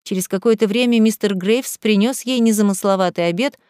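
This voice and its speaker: Woman narrator, audiobook, measured storytelling, mid pitch, dry close sound. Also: a little mellow, clean tone, no echo.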